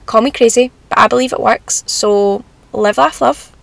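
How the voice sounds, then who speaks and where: A woman's voice: fairly high pitch, moderate pace, gravelly. A young Scottish woman giving casual motivational advice in an upbeat, encouraging, chatty manner, like a self-help vlogger. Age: young adult.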